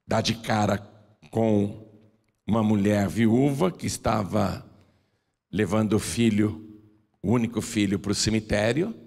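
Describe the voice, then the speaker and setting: A man from Brazil preaching a sermon in a church, swinging from low, slow lines to high, fervent calls and acting out Bible voices. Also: gravelly, in a large hall. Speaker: pastor.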